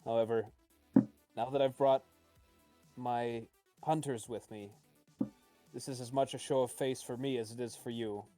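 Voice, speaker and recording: A man voicing a suspicious, bargaining leader of a hunter war band, measured and firm. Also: medium pitch, fairly even intonation, warm tone, faint music behind, lightly acted.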